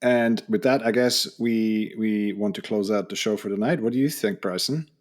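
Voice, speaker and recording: A man's voice: on the low side, normal speed. A man co-hosting a casual podcast chat, easygoing as he hands over questions and wraps up the show. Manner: easygoing, wraps up the show and invites listener input. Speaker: podcast co-host.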